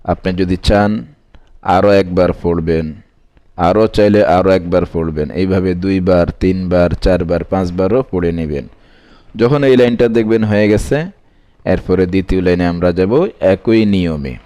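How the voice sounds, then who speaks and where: A man teaching Quran reading, who sounds out each syllable slowly and repeats whole words several times, with quicker spoken instructions in between. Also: dark tone. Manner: brisk, lower-voiced asides explaining between drills. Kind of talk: slow syllable-by-syllable recitation lesson.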